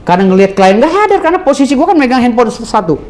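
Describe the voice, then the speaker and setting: A man's voice: very high voice, racing. A man, a lawyer answering interview questions in a heated, indignant way. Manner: indignant, animated, mimics others.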